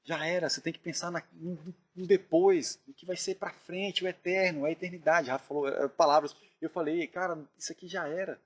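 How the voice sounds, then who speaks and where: A man earnestly retelling a dream in casual storytelling, often dropping his voice to a hush. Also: fairly high pitch, steady tone, a little fast, hardly any pauses. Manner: earnest, drops to hushed tones when reliving tense moments. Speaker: dream narrator.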